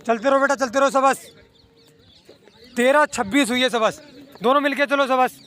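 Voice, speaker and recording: Outdoors at a running ground, a man coaches runners, shouting out lap times and urging them again and again to keep going. His voice is extremely high-pitched at a moderate pace.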